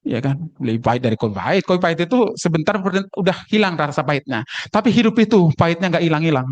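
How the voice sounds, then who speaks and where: Joking Indonesian pastor preaching. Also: male voice, on the high side, expressive, fast, no room sound, lo-fi sound. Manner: humorous, acts out voices and dialects. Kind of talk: sermon with jokes.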